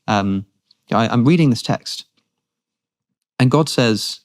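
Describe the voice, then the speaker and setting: A man's voice: mid-range voice, animated, slow pace. A man speaking as a guest in a long-form conversation, thinking aloud earnestly with frequent restarts.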